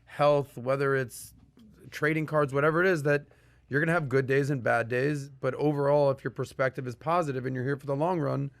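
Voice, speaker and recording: A man co-hosting a podcast panel, joking and reacting quickly to the others. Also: medium pitch, fairly even intonation. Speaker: podcast co-host. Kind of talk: casual panel chat.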